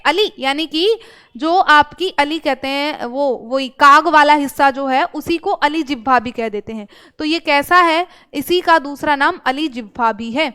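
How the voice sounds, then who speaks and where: A woman's voice: sits high, a bit bright. A woman teacher explaining grammar step by step, asking questions and answering them herself. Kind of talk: exam-prep grammar lesson.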